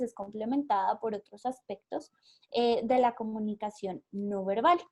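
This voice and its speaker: A woman's voice: fairly high pitch, a little mellow. A Colombian woman leading an online workshop, explaining step by step with many fillers and repeated words. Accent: Colombian Spanish. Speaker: workshop facilitator. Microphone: video call.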